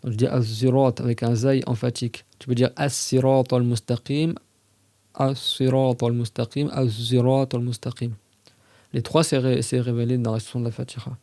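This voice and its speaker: A man giving a casual religious lesson on a podcast, talking conversationally and reciting Arabic verses slowly and carefully. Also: mid-range voice, fairly even intonation, dark tone, no room sound.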